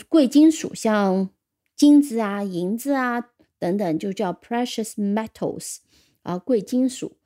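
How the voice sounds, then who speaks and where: In a recorded English lesson, a woman with a warm, mid-range voice patiently explains words and spells them out slowly, one letter at a time.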